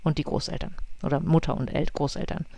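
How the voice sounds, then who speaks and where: A woman's voice: sits low, fast talker, gravelly, dry recording. A woman vlogging outdoors in a forest, casually telling her viewers a personal story and acting out the lines people said. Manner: lively retelling that acts out quoted dialogue.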